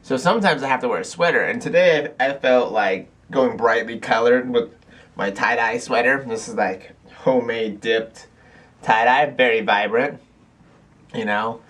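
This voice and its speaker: Young man, vlogger, casual chat, rambling, chatty, medium pitch, at home. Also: moderate pace, a bit bright. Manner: rambling, chatty, lots of fillers and restarts. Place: cold house.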